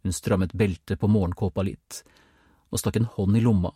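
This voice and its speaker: Guy reading an audiobook, low husky voice, calm and measured, super dry close mic. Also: no room sound. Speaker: audiobook narrator. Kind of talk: scripted narration.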